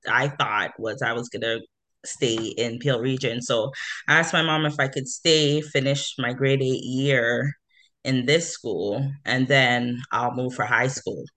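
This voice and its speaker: A hairstylist from Toronto, Canada, chats casually as an interview guest, laughing easily and using lots of fillers. Her voice is extremely low in pitch with a fairly bright tone.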